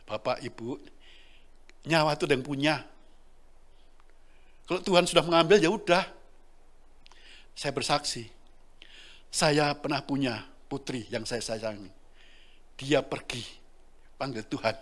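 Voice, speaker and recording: A man's voice: mid-range voice, unhurried, pauses often, fairly bright tone. A middle-aged man preaching a sermon, talking directly to the congregation and laughing between lines.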